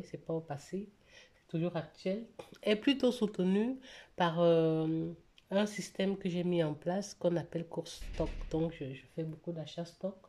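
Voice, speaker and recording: Slightly stuffy from a cold, a woman vlogs to camera about her weekly budget in a dark, fairly low voice. She's casual and hesitant, full of fillers and restarts.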